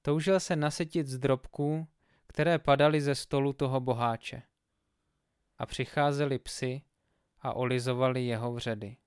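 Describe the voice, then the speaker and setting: A man reading scripture aloud in a measured, solemn, scripted delivery. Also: medium pitch, steady tone, smooth, dry recording, clean studio sound. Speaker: Bible reader.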